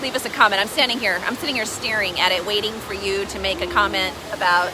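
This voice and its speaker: A woman chatting casually with livestream viewers in an upbeat, joking, talkative way, as a co-host promoting things. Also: mid-range voice. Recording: noisy livestream with steady rushing hiss.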